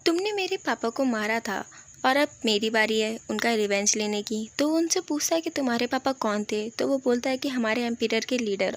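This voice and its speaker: High-voiced woman retelling a story. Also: creaky, a little hiss or hum. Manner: casual, mixes in many English words; addresses viewers as guys. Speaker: anime recap narrator. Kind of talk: casual storytelling recap.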